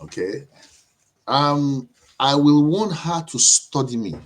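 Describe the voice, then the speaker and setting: Medium-pitched man explaining his views. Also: expressive, slow. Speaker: panel discussion participant. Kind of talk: conversational, explaining personal views.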